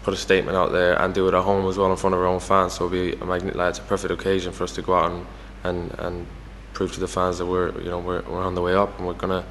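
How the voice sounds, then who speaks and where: A man's voice: low-pitched, monotone, fast talker, hardly any pauses, fairly bright tone, in a large hall, slight background noise. A young Irish man talking casually as the guest in an interview, full of fillers like "you know". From Ireland. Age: young adult. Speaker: footballer guest.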